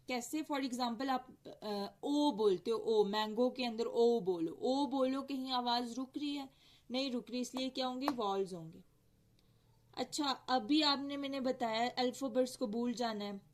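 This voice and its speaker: A young woman lecturing on phonetics. She explains step by step, mixes Hindi-Urdu with English, and often corrects herself. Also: on the high side. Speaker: teacher.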